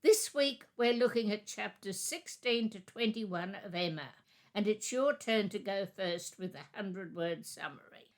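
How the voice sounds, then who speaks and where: A woman co-hosting a literary discussion podcast, reading a chapter summary and giving measured, thoughtful commentary. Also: mid-range voice, expressive. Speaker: podcast co-host.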